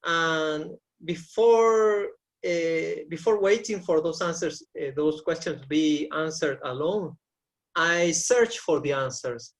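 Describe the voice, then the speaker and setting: An earnest man in his forties from Argentina, speaking English as a second language, with a somewhat high voice. He answers interview questions carefully, often repeating a word as he searches for the right phrasing. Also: takes it slowly. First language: Spanish. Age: 40s. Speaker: shamanic coach.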